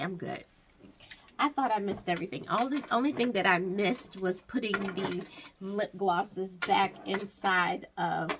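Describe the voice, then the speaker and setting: A woman with a fairly low voice and a lot of vocal fry chats casually like a beauty vlogger. She rambles and corrects herself as she thinks aloud. There is faint noise behind her. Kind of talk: casual makeup stash chat to viewers. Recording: audible background noise.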